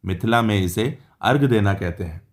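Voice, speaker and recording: A man with a somewhat low voice reads a scripted narration. His delivery is even and formal, explaining step by step. It feels like a plainly worded explainer voice-over. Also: normal speed. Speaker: narrator of a devotional explainer video.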